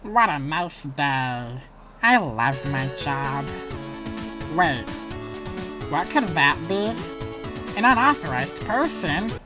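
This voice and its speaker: A woman's voice: low-pitched, big pitch swings, slow, pauses often, music in the background, heavily acted. A woman voicing a smug, stuffy cartoon police officer who talks in a pompous, self-important way.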